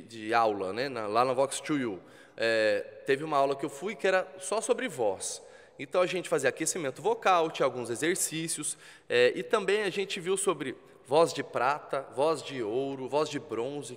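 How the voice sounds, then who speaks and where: A man with a Brazilian Portuguese accent, a TV presenter guesting on a podcast, explaining in a calm, coaching way. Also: mid-range voice, in a large hall. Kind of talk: casual interview talk. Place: podcast studio with spotlights.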